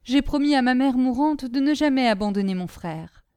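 A woman voicing a gentle, devoted young servant sister who speaks in a tender, pleading way. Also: high-pitched, animated, moderate pace, smooth, no echo.

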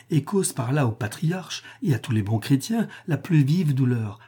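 A man's voice: mid-range voice, warm tone, breathy edge. Man voicing a resolute, tearful empress.

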